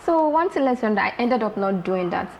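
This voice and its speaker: A woman from Lagos, Nigeria, a fashion designer talking as a guest in a casual interview, lively and repeating herself for emphasis. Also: on the high side, brisk, slight background noise, poor audio.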